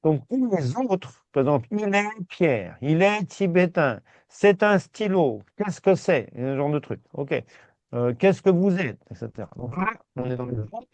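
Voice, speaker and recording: A man's voice: fairly high pitch, big pitch swings, darkish tone, no echo. Patient, reassuring male language teacher. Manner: reassuring, repeats words slowly. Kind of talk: patient step-by-step class. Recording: dull, dry sound.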